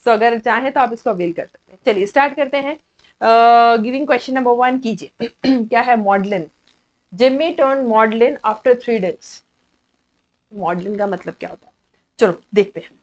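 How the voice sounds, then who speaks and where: Indian lady teacher, kinda high voice, chatty coaching class vibe, repeats stuff a lot, slightly dull lo-fi sound. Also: fairly quick. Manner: chatty, explains in mixed Hindi and English, repeats key words. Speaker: English vocabulary teacher. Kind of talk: online exam coaching class.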